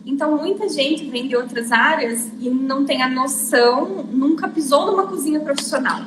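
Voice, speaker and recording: High-voiced woman on a live chat, echoey phone sound, noisy background. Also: normal speed. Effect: echoey doubled sound over a phone line. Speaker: pastry teacher guest on a live stream. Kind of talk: casual live-stream chat. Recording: echoey phone audio with clear background noise.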